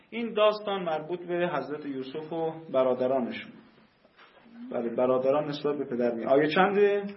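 A man teaching a grammar class, explaining rules slowly and repeating key terms for emphasis. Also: fairly high pitch. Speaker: teacher of Quranic Arabic grammar. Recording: echoey room, dull lo-fi sound.

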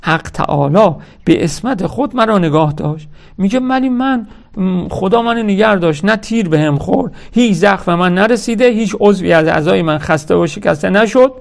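A man's voice: high-pitched, lively intonation, vocal fry. A man giving a religious lecture. He reads lines from a historical text, then explains them in everyday speech and tells his listeners what to note. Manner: addresses listeners directly, stressing key words.

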